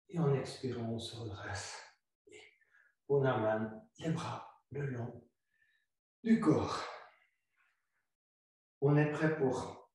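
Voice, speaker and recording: In a strongly echoing space, a yoga instructor sits well away from the mic while leading a flow class. His medium-pitched voice stays calm and instructive, and he repeats his cues slowly.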